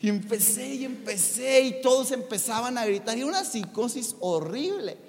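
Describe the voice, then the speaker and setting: A man preaches to a congregation, telling a personal story with animated energy and frequent questions to the room. His voice sits very high for a man. A long reverb from the large hall trails behind every word. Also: moderate pace. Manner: animated, addresses the audience with questions.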